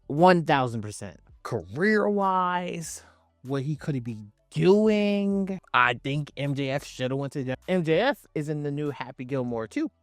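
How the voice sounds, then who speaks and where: A man's voice: fairly high pitch, no echo, studio quality. A man hosting a countdown video with casual, opinionated commentary, speaking emphatically in slang with swearing and repeating phrases for stress. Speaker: video host ranking wrestling promos.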